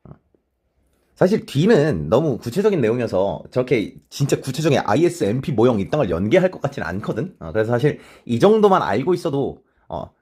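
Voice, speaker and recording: Lively, husky-voiced lecturing man. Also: mid-range voice. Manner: casual, checks in often with tag questions; mixes polite and plain speech. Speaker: teacher. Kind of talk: online exam-prep lecture.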